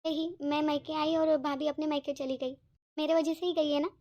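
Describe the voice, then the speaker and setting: A woman's voice: sits high, little pitch movement, moderate pace, dark tone, muffled recording, close to an everyday voice. A woman voicing a tearful young married daughter in a cartoon, weepy and self-pitying. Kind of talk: cartoon voice acting.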